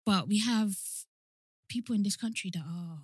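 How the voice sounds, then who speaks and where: A woman's voice: mid-range voice, moderate pace, husky, no room sound, studio quality. A woman with a London British accent who pronounces her r's as w's, co-hosting a casual, opinionated podcast chat. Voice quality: says w for r, soft r sounds. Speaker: podcast co-host.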